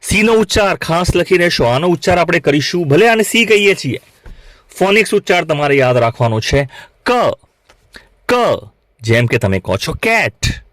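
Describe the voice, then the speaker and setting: Male phonics teacher, from Gujarat, higher-pitched, drills learners through repetition, dry room. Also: expressive, a bit bright, dry recording. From Gujarat, India. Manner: repeats sounds slowly and asks learners to say them back. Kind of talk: classroom lesson for beginners.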